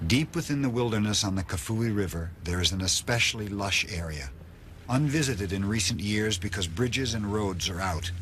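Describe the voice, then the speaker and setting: A man's voice: on the low side, a bit bright, slight background noise. A man reading scripted narration for a nature documentary.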